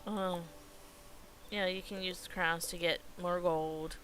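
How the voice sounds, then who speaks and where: A woman live streamer giving casual game commentary in a hesitant, halting way, often searching for words. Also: fairly low pitch, fairly even intonation, a bit bright, slight background noise, low-quality recording.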